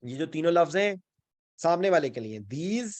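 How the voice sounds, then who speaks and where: Pakistani man teaching grammar, slightly high voice. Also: big pitch swings, a little mellow, no echo. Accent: Pakistani Urdu. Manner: explains step by step, often checking with "ٹھیک ہے"; mixes English words into Urdu speech. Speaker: Quran and Arabic grammar teacher. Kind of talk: online class lecture.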